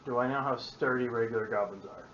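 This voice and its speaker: A man talks through his moves in a tabletop game in a casual, matter-of-fact way. He sits at a mid pitch for a man. The recording is muffled and lo-fi, with faint noise behind him. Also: fast talker, a bit bright. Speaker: player. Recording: dull lo-fi mic, faint noise.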